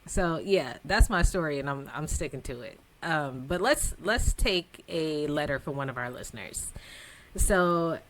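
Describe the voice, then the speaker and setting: A woman in her thirties, co-hosting a podcast, telling a story in a casual, animated way with relaxed phrasing and frequent laughter. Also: deep voice, measured pace, a little hiss or hum. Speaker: podcast co-host.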